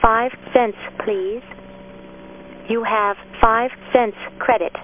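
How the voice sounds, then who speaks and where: A woman's recorded payphone announcement asking for coins, slow and evenly measured. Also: fairly high pitch, fairly even intonation. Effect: payphone call. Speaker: automated payphone prompt. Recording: tinny payphone line, loud hiss.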